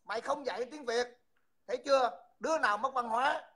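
A man's voice: very high-pitched, brisk, fairly bright tone. A man, hosting a livestream and mockingly insulting someone over and over. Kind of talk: heated livestream taunting.

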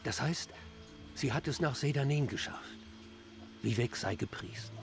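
A man playing an anxious, devout dark-elf priest in a fantasy game, speaking formally and earnestly. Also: medium pitch, moderate pace, creaky, music in the background, close to an everyday voice. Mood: hopeful, pleading. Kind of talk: fantasy game dialogue acting.

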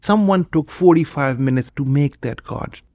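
A man's voice: fairly high pitch, normal speed, warm tone, no room sound. A man who works at a hotel, talking thoughtfully in an interview. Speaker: hotel employee. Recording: music bed under the voice.

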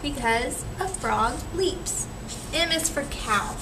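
Slow and animated, her high voice carries a picture-book reading for children, punctuated by teacher-like questions. The young woman is seated in a small indoor room, recorded through a distant camera mic with clear background noise.

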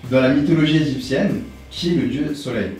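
A man's voice: a little high, fairly quick, darkish tone. Male quiz question reader, scripted delivery, very reverberant recording with light music underneath. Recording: very echoey, distant, music behind.

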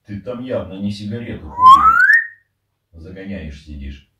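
A man's voice: fairly low pitch, huge pitch swings, normal speed, heavy background noise. A man casually teasing his pet in short, bantering remarks. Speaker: parrot owner. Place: indoor room at home. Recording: roomy, distant microphone.

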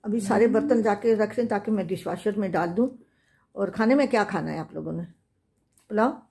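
A little fast and a little mellow at medium pitch, an older Pakistani woman who vlogs home cooking narrates casually while cooking and tidying. She's a chatty grandmother calling to the children amid kitchen clatter of dishes and cutlery.

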